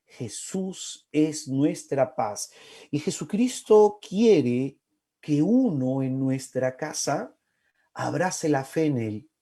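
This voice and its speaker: A man in his forties from Peru, giving an impassioned preaching talk with slow, emphatic repetitions and sudden soft asides. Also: medium pitch. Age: 40s. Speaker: speaker at a faith-based family talk.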